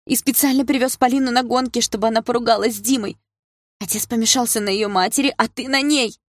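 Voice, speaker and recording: A woman voicing a young girl who angrily accuses her brother and breaks into high, shrill outbursts. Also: steady tone, very slow, a bit bright, dry recording, clean studio sound, heavily acted. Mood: accusing.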